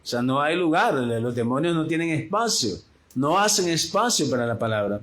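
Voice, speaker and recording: A man's voice: on the high side, expressive, moderate pace, a bit bright. A man teaching a Bible study, emphatic and addressing his listeners directly, often repeating himself. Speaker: preacher.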